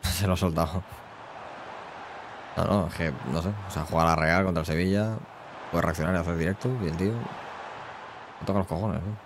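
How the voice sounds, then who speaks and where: Excitable gaming commentator, man. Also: sits low, normal speed, long pauses, background noise. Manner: excitable, shifts between muttering asides and shouted play-by-play. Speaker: gaming YouTuber. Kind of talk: live commentary over his own video game match.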